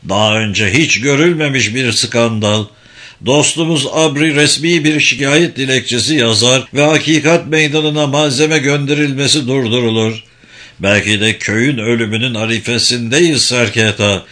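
A man's voice: mid-range voice, normal speed, sharp tone, close to an everyday voice. A man reading a brusque, brutal commander. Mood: gloating. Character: brutal, greedy adult male army commander.

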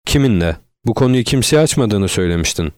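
A man's voice: on the low side, expressive, a little fast, darkish tone, no room sound, studio quality, close to an everyday voice. A man voicing a cruel, unstable male killer who growls his words with contempt. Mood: menacing.

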